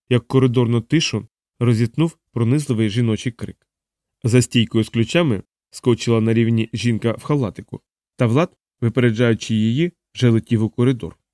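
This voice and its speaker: A man narrating an audiobook in an even, measured storytelling voice. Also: medium pitch, dry recording, clean studio sound.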